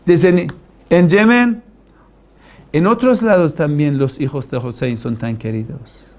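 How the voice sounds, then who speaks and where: A man's voice: on the high side, unhurried, a little mellow. A male cleric giving a religious class, asking the room questions and quoting Arabic passages before explaining them. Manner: preaching with rhetorical questions and Arabic quotations. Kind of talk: religious lecture.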